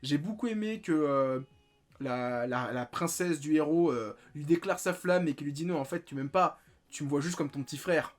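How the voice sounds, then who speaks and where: A man's voice: a little high, moderate pace. A man casually reviewing manga and comics, rambling with many fillers and restarts. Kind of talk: casual spoken book review.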